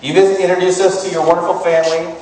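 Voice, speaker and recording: A man delivers a casual, joking wedding toast as best man, in a slightly high voice. He is heard away from the mic in a very echoey room, telling comic stories to the guests. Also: flat delivery, quick pace, darkish tone. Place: large room at a wedding reception. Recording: echoey hall, distant mic, noisy crowd. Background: wedding guests and crowd noise.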